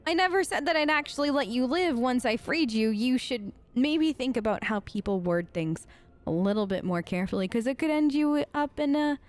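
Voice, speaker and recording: Speaking at a normal pace in an expressive, high voice, this woman hosts a gaming video. She riffs through improvised role-play commentary over the game with a sassy, sarcastic, chatty tone.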